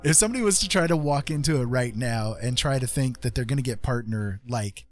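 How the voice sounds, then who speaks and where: Fairly quick and mid-range in voice, a man hosts a livestream against background music. His talk is casual and rambling, emphatic, with phrases repeated to stress them.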